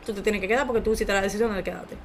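A young woman, co-hosting a casual chat and telling animated stories to her listeners. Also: medium pitch, very fast, slight background noise. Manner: animated storyteller, addresses listeners as "señores".

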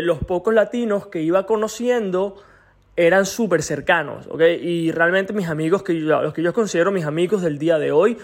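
High-voiced man hosting a podcast. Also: gravelly. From Venezuela. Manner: chatty storyteller, keeps checking in with the listener. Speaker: podcast host. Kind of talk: casual podcast monologue.

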